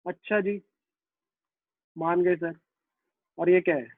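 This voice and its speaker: High-voiced man teaching physics online. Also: fairly even intonation, dry recording. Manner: coaxing, plays both teacher and student in quick back-and-forth. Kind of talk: live online class lecture. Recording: dry, phone-like narrow sound.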